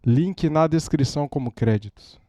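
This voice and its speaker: Brazilian man, fan reaction host: high, swooping, agitated, dry close sound. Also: moderate pace, warm tone, no room sound. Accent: Brazilian Portuguese. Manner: agitated, exclaiming, repeats "cara". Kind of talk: emotional fan reaction commentary. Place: at home.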